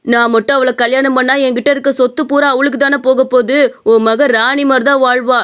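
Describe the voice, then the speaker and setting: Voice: sits high, little pitch movement, fairly quick, fairly bright tone, smooth. A voice actor playing a pushy thirty-five-year-old male shop owner in a cartoon story, coaxing and insistent. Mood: persuading. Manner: wheedling, persistent.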